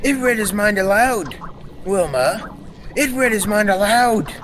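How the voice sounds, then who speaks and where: A man's voice: high-pitched, unhurried. A young man playing an earnest, proud scientist inventor in an old-time radio serial, explaining things formally. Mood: excited. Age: teenager or young adult. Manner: formal, explanatory, technical delivery. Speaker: student actor. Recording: reverberant hall, steady background noise.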